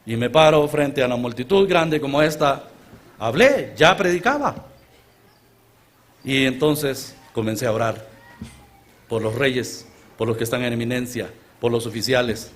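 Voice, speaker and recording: A man from Honduras with a Honduran Spanish accent, preaching as a guest at a church conference. He moves between loud exclamations and low, quiet asides. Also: animated, measured pace, pauses often. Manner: earnest storytelling sermon, often addressing listeners as brothers. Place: church conference gathering before a large congregation.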